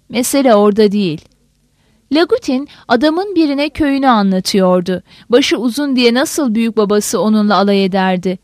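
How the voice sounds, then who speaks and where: A woman reading a novel aloud in a steady, measured narration. Her voice sits high and is recorded close and dry, with no room sound. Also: no echo. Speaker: audiobook narrator. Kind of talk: scripted narration.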